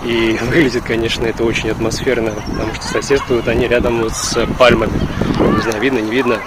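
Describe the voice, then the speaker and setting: A man from Russia, chatting in a halting, reflective way in a casual vlog recorded outdoors with wind on the mic. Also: medium pitch, flat delivery. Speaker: vlogger. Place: outdoors in a park. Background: wind and outdoor ambience.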